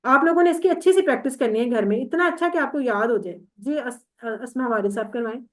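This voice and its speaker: A woman's voice: fairly high pitch, quick pace. A woman teaching an online class, patiently explaining step by step and quizzing her students.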